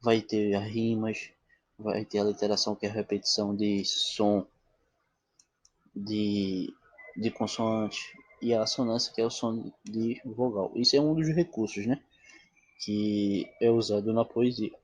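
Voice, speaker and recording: A male literature teacher gives a classroom-style lecture in a lowish, darkish voice with fairly even intonation, speaking a little slowly. He frequently checks in with listeners using "tá bom?" and "né?", and asks questions that he then answers himself. The sound has no echo.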